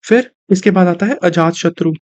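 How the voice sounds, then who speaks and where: A man's voice: high-pitched, moderate pace, darkish tone, no echo. A young male teacher gives an online exam-prep lecture, mixing Hindi with terms and asking and answering his own questions. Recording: dry, slightly dull recording.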